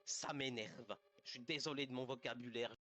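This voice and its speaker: Exasperated swearing man, bright tense voice. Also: mid-range voice, moderate pace. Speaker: gamer in a played clip. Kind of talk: raging at a game.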